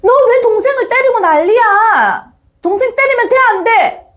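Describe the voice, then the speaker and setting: A woman voicing an exasperated mother of two boys, nagging them with sharp, rising questions. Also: high-pitched, animated, fast talker, pitched above the performer's own voice. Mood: scolding.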